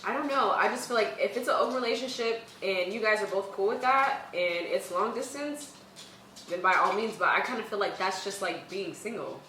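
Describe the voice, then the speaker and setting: A young woman chatting casually as a co-host, slangy, giggly and animated in the way she talks. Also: mid-range voice, a little fast. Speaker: mukbang co-host answering viewer questions. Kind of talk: casual girl-talk chat. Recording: roomy echo, distant mic, faint noise.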